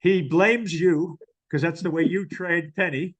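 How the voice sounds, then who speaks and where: Guy hosting an interview, kinda high voice, slow careful questions with lots of uhs. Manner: measured, hesitant questioning. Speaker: interviewer, hall of fame chairperson. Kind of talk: interview over video call.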